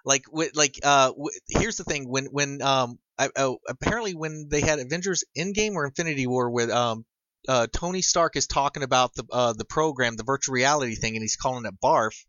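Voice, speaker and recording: A man co-hosting a casual podcast chat who talks haltingly, restarting his sentences as he explains comic-book stories. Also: mid-range voice, a bit bright, no echo. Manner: halting, many restarts while recounting comic lore. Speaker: podcast co-host. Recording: dull, lo-fi, dry sound.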